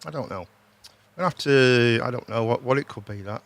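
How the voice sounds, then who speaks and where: A man's voice: medium pitch, moderate pace, fairly bright tone, dry recording. A British man hosting a casual livestream, chatting informally, repeating himself and often ending on tag questions. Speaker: host.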